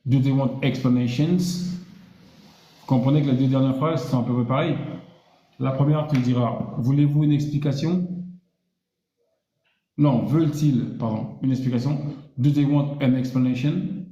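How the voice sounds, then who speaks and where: A male teacher leads a live-streamed language lesson in a very dark, mellow voice. He explains patiently and slowly repeats each word. The sound is roomy and slightly dull. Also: mid-range voice. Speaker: English teacher.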